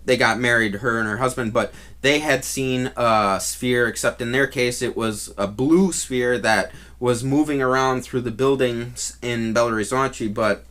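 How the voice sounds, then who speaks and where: A man with an average-pitched voice shares a personal story as a casual vlogger. His delivery is loose and rambling. He halts and doubles back on his phrases as he goes. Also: a bit bright. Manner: rambling and halting, with trailing restarts.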